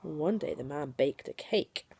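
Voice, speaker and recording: A young woman, a mother, reads picture books aloud to her little daughter, coaxing her gently between pages. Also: deep voice, unhurried, creaky, a little hiss or hum. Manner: animated storytelling voice, coaxing and gentle with her child.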